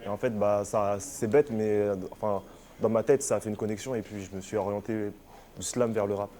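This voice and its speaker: A man's voice: lowish voice, fairly even intonation, fairly quick, warm tone, slight background noise. A man who raps in a group, answering interview questions casually and hesitantly, with many fillers and restarts. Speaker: rapper in a group.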